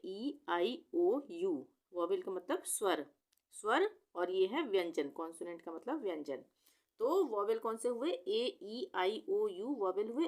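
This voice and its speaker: A woman's voice: medium pitch, darkish tone. A woman teaching English pronunciation in a Hindi lesson, patiently spelling words out letter by letter and answering her own questions.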